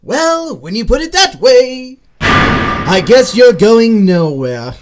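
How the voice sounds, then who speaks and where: A man's voice: extremely high pitch, noisy background, full character voice. A man playing a manic, theatrical clown villain in a radio drama, mocking and swinging from sing-song to menace. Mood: gleeful, cruel.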